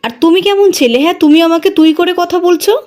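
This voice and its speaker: A proud young wife with a quick temper, read by a woman with a high voice snaps back sharp retorts in a soap-opera retelling. The delivery stays close to the narrator's own. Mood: indignant.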